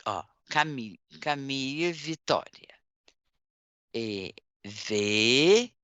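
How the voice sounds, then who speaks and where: Very slow, deliberate woman teacher. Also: extremely low pitch, fairly bright tone, clear, resonant tone, no room sound. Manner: deliberate, spells words out letter by letter. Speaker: language teacher. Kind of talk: online class instruction.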